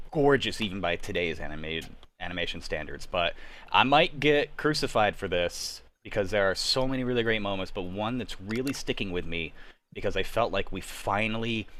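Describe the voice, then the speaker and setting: A man hosts a remote group livestream, chatting casually and enthusiastically about superhero movies and sharing strong opinions with some casual swearing. His voice is on the low side with a fairly bright tone, and there's slight background noise.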